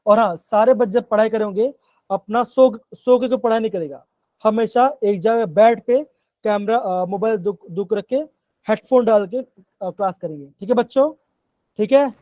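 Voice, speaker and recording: A man's voice: sits high, moderate pace, mellow, dry recording, highs cut off. Male online chemistry teacher, coaxing tone. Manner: coaxing, repeats "bachchon" and "theek hai". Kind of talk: live online class in Hindi-English mix.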